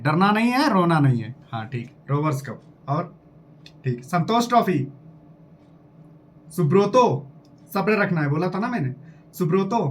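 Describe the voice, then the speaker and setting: A man's voice: fairly high pitch, slight background noise. A man teaching an exam-prep lesson, quizzing his listeners directly and drilling items through repetition. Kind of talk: lively exam-prep lesson with memory tricks.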